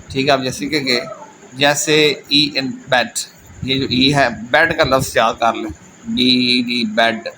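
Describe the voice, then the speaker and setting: A man's voice: medium pitch, poor audio. A man teaching a vocabulary lesson, repeating each word and often checking in with his students. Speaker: German language teacher. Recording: steady background noise.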